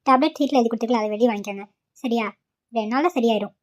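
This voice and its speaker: A woman voicing a calm, quiet cartoon doctor. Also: fairly high pitch, very fast, close to an everyday voice. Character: calm reassuring female doctor. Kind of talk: cartoon voice acting. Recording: muffled lo-fi recording.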